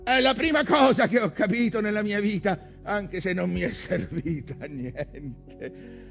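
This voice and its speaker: An actor playing a vengeful, obsessed old whaling captain in a declamatory theatrical stage monologue, moving between hushed brooding and bellowed commands. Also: male voice, high voice, expressive, unhurried, gravelly, soft background music, exaggerated voice. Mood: grave, resigned.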